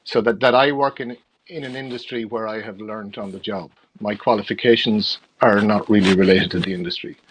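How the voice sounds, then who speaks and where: A man's voice: lowish voice, fairly even intonation, brisk, rough recording. A middle-aged man with an Irish accent, answering interview questions in a conversational, rambling way, often repeating words as he explains. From Galway, Ireland. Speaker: interview guest, freelance theatre production manager.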